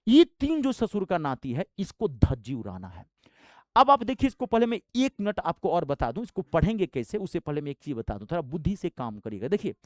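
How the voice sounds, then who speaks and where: A man's voice: fairly high pitch, darkish tone, no echo, studio quality. A man, giving a fiery, blunt motivational exam-prep talk as a coaching teacher, with rustic slang.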